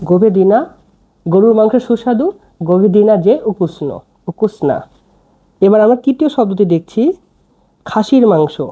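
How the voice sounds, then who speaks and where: A very dark, mellow voice gives a slow, patient language lesson. Words come letter by letter and each phrase is said again and again. The pace is unhurried throughout, with steady repetition. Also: mid-range voice. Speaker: language teacher.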